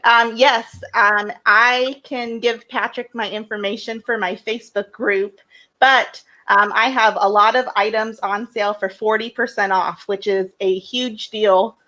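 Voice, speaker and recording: A woman giving a casual sales pitch as a sponsor, hesitant with frequent ums. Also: steady tone, a little slow, pushed and bright. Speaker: sponsor, beauty consultant.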